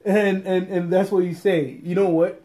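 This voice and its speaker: A young man chats casually on a podcast in a mellow, warm voice that sits a little high. He talks in a relaxed way, with plenty of ums and likes. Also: normal speed. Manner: relaxed, chatty, with filler words. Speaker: podcast co-host. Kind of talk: casual chat.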